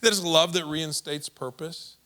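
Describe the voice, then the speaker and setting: A man's voice: fairly high pitch, fairly even intonation, measured pace, sharp tone. A male pastor preaching a sermon in a conversational way, with casual asides and repeated words. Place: church service.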